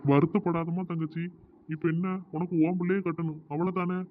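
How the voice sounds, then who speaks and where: A man voicing a soft-hearted middle-aged village brother in a cartoon, pleading. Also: a little high, level tone, fairly quick, lightly acted. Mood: placating. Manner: pleading, placating. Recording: tinny phone-like audio with faint noise.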